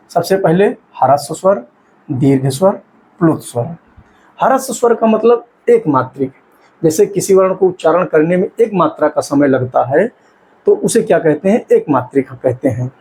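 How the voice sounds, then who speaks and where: High-voiced man teaching grammar. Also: animated, normal speed, warm tone, rough recording. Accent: Hindi-speaking north Indian. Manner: asks questions and answers them himself; stretches out vowel sounds to demonstrate. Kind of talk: exam-prep grammar lesson.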